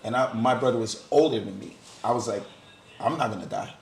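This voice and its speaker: A man's voice: mid-range voice, fairly quick, gravelly, slight background noise. A middle-aged man from Guyana sharing his story in a candid group discussion, stressing points by repeating words. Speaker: panel speaker. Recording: roomy sound with crowd murmur. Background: crowd murmur.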